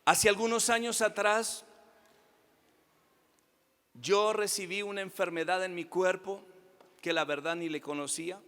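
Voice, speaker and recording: A man's voice: high voice, steady tone, unhurried, long pauses, pushed and bright, smooth, long reverb tail. A middle-aged male pastor preaching a sermon, leading the congregation in repeating phrases with sing-song emphasis.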